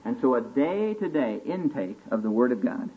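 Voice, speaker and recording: A man giving a folksy, conversational sermon to a group, full of stories and questions to his listeners, at times rising to booming motivational calls. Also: very animated, normal speed. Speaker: preacher at a church retreat session. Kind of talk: sermon, conversational teaching with storytelling. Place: live talk to a seated group. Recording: tinny band-limited old recording with hiss.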